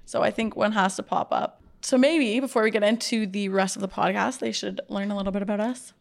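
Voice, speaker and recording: A woman's voice: medium pitch, steady tone, brisk, gravelly. A woman in her twenties from Canada, co-hosting a podcast in an upbeat, chatty way. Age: 20s. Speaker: podcast co-host. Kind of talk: casual chat.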